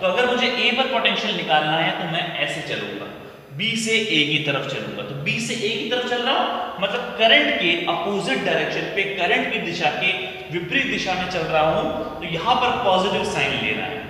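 A man's voice: high voice, very animated, moderate pace, pushed and bright. A man in his thirties teaching physics at a whiteboard in a small classroom, explaining step by step and repeating key points back as questions. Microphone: camera mic from across the room. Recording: echoey room picked up from a distance.

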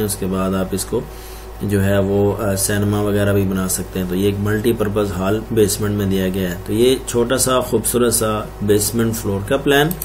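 In a screen-recorded walkthrough, a Pakistani man explains house floor plans room by room like an architect, listing each room in turn. His fairly low voice is a little mellow, with slight background noise.

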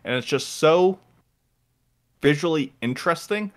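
A man's voice: on the high side, animated, a little slow. A man co-hosting a podcast, chatting casually and enthusiastically with lots of fillers. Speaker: podcast co-host. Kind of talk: casual chat, recommending an anime.

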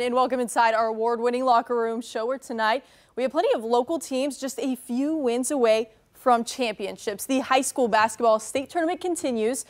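A young woman sports reporter narrating high school basketball highlights in a punchy, upbeat scripted delivery from a TV news studio.

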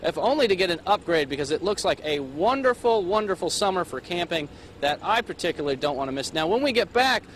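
A man's voice: high voice, lively intonation, fast, slight background noise. A young man reporting live for morning TV on an RV lot, holding a handheld mic and talking in an upbeat, chatty promo style. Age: young adult. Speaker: field reporter. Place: outdoors beside an RV on a sales lot, then inside the RV.

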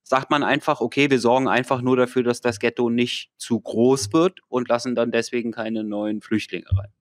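A man's voice: mid-range voice, fairly even intonation, normal speed, no echo. Argumentative man from Berlin, dry sound. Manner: argumentative, explains with examples. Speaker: podcast co-host. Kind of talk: casual political discussion.

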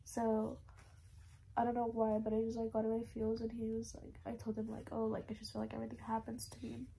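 A woman's voice: a little high, monotone, fairly quick, vocal fry, warm tone. Numb, tearful young woman after wisdom teeth removal. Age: 20s. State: tearful, on the verge of crying. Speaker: vlogger. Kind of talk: casual confessional vlog. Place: small dim room at home, indoors. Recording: noisy room recording.

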